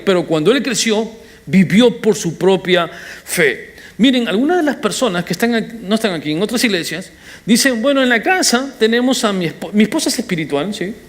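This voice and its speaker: Un pastor predicando un sermón de forma animada, con apartes juguetones. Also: male voice, high voice. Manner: animated preaching with playful asides. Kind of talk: sermon.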